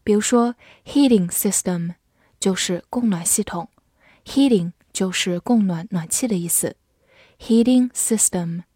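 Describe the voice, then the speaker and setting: A woman teaching English vocabulary, spelling each word out and reading example sentences slowly. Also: medium pitch, dark tone, husky, no room sound, studio quality. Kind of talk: vocabulary lesson.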